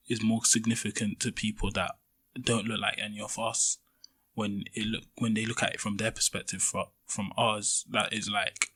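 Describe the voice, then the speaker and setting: A man's voice: fairly low pitch, pushed and bright, husky. A teenage male student talking casually on a school podcast panel, with lots of "you know" fillers. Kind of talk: casual discussion.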